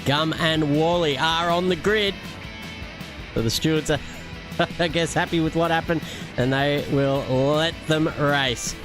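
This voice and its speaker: A man giving live sim racing commentary, jokey and punning, with filler pauses. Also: a little high, fairly even intonation. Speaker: race commentator. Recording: music playing behind the voice. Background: background music.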